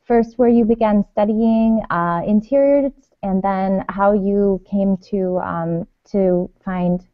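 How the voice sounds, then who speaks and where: A woman's voice: medium pitch, slow, no echo, narrow, tinny audio. A woman hosting a podcast, introducing her guest with frequent hesitations and ums. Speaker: show host. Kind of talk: podcast interview.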